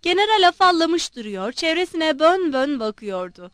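A woman reads a novel aloud as an audiobook narrator, in an expressive, scripted style. Her voice sits high, and the recording is dry and close to the mic. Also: normal speed, no room sound. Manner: expressive reading.

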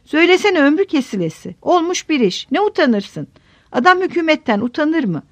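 Woman reading grieving village mother, scolding, urging, lively pitch, storybook. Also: a little fast, no echo.

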